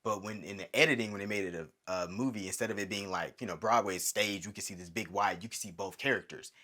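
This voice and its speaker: Animated, rambling man with a bright voice. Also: fairly low pitch, fast talker. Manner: animated, rambling storyteller with many fillers. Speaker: film director and podcast host. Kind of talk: casual conversation.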